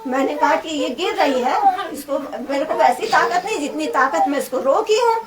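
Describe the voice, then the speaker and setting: A middle-aged woman telling her testimony to a congregation in an animated storytelling way. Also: high voice, normal speed, crowd noise. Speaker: church member giving testimony. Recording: distant, congregation audible.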